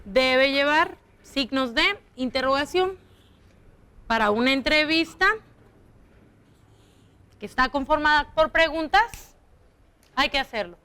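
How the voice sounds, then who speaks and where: A young woman teaches young children in a televised lesson, her voice high and bright. She talks slowly and patiently, drawing out example sentences to show their intonation. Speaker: primary school teacher.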